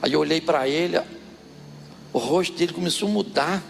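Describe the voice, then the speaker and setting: A man's voice: a little high, normal speed, creaky, background noise. A male pastor preaching a humorous sermon, telling a family story and acting out the scenes. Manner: lively, humorous, acts out scenes.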